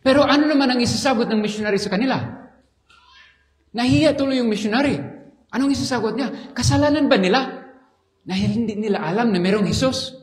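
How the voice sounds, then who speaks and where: A man preaching a sermon in a dramatic, animated storytelling manner. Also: very high-pitched, a little fast, long pauses.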